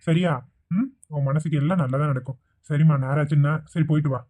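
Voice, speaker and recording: Kindly old cartoon man, fretful and flustered, low voice, quick talk. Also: warm tone. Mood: gentle. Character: kindly elderly man minding children. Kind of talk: cartoon voice acting.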